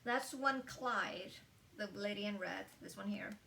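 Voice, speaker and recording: A woman's voice: medium pitch, a little slow, gravelly, bright, forceful tone, far from the mic, slight background noise. Chatty woman reviewing a book. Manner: chatty, many fillers and restarts.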